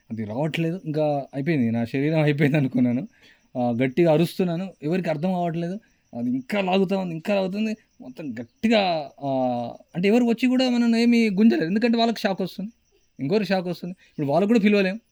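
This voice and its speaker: A man with a Telugu accent delivers a devotional lecture, voice pitched a bit high. He tells stories with animation and raises his voice at the dramatic points. The sound is dry and close. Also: dry recording. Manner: animated storytelling, voice rises when excited; chants the mantra in a mock-distracted way. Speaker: spiritual teacher.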